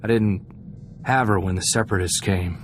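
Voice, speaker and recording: With a natural-sounding, fairly low voice, fairly even intonation and normal speed, an actor portrays an idealistic, earnest young crewman on a freighter in a video game. The talk is folksy and chatty, the mood sincere and reflective, over clear background ambient noise.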